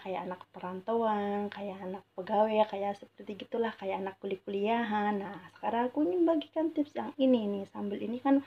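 An Indonesian home cooking vlogger gives a casual, unscripted tutorial in her home kitchen, chatty and repetitive, dropping in English words. Her mid-range voice is muffled, captured by a handheld phone behind the camera in a noisy kitchen with frying sizzle and stirring sounds.

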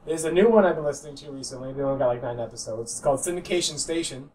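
A man's voice: fairly high pitch, darkish tone. A man co-hosting a casual podcast while drawing, teasing his friends and laughing often. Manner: teasing and giggly, quick to laugh. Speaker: podcast co-host. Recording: distant mic with faint room noise.

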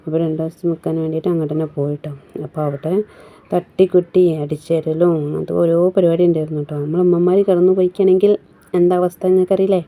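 A low-pitched woman with a very dark, mellow tone. She rambles chattily through a casual home vlog and keeps adding little tag words. She has a cold that is changing her voice. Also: level tone, fast. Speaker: home vlogger and mother.

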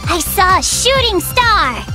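A woman voicing a sweet, cheerful, slightly scatterbrained teenage girl in an anime video game, with a cutesy, gentle manner. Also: very high voice, sing-song, slow pace, full character voice. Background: children's-style music.

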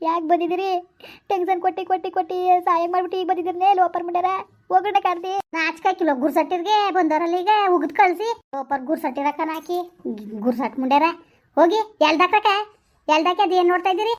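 A woman voicing a grieving older village mother who wails long drawn-out laments and curses bitterly. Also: high-pitched, steady tone, warm tone, close to an everyday voice. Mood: furious. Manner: wailing, drawn-out lament, cursing.

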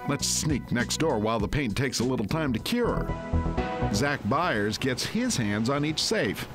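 A man reading a scripted documentary voice-over in a measured way, with dramatic pauses. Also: mid-range voice, lively intonation. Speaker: narrator. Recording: voice-over with music bed.

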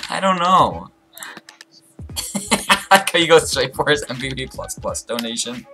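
A gamer giving casual, excitable gameplay commentary to a friend, often exclaiming and yelping. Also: medium pitch, measured pace, soft background music. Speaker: gaming video player. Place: indoors at a computer.

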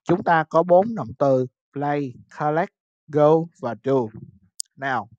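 Slow-paced Vietnamese male English teacher. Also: fairly high pitch, a little mellow, lo-fi sound. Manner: slow, repeats words for students to echo. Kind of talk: bilingual online lesson, drilling vocabulary.

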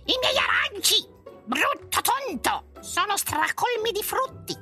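A woman voicing a shrill, furious tiny king. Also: expressive, measured pace, soft background music, full character voice. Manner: shrill, shouting, insulting. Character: tiny pompous tantrum-throwing king, man. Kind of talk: storybook read-aloud.

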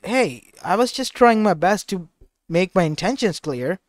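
A man's voice: sits high, sing-song, unhurried, no room sound, studio quality. A man voicing a brash, goofy teenage boy ninja who stammers when flustered. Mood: defensive.

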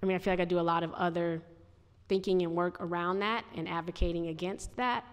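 An American woman with a Chicago accent, a visiting artist and architect, answers questions at a podium microphone in a large auditorium, with hall reverb around her voice. Her lowish voice has a clean tone, fairly even intonation and a quick pace. She is reflective and self-correcting, restarting often and saying "like" a lot.

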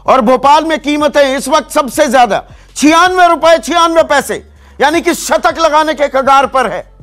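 Male studio anchor, very high voice, brisk listing of figures, lapel mic. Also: fairly bright tone. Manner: reeling off price figures briskly. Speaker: television news anchor. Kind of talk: studio news presentation. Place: TV news studio.

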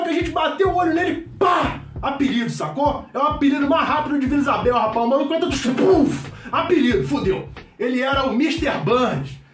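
An actor playing a loud, brash middle-aged mechanic with a Carioca accent, who shouts, swears constantly and rambles in a comedy sketch. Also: male voice, very high voice. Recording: echoey room, distant mic, faint music.

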